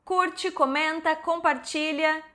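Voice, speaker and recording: A woman in her forties from Brazil, teaching English to camera and slowing down to model words. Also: high-pitched, fairly even intonation, sharp tone.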